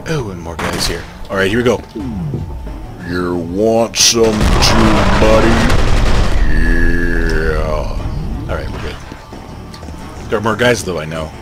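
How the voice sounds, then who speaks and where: A young man commenting casually on a game he is playing, joking and swearing in excited outbursts. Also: low-pitched, unhurried, long pauses, loud music behind the voice. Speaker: gaming channel host.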